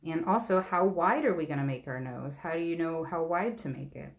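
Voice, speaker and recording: A woman's voice: low voice, a little fast. A woman art teacher giving a patient, step-by-step drawing lesson on a live stream.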